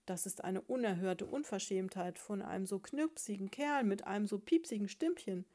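A woman doing a cross, shouting father bear. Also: mid-range voice, moderate pace, natural voice. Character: grumpy inventor father bear, quick-tempered.

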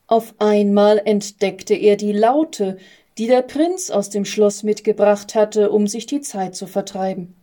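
A woman calmly reading a children's story aloud. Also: mid-range voice, unhurried. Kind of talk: read-aloud storybook narration.

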